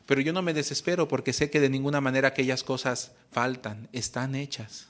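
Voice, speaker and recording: A man preaching in church. He gives earnest testimony and often pauses to restart a phrase. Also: medium pitch, steady tone, a bit bright. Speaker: pastor. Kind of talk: sermon.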